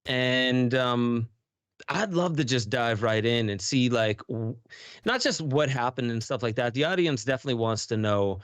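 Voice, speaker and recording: Male podcast host, 30s, smooth clear voice, dry close sound, easygoing and jokey. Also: medium pitch, animated, normal speed, a bit bright, no echo. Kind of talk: casual chat.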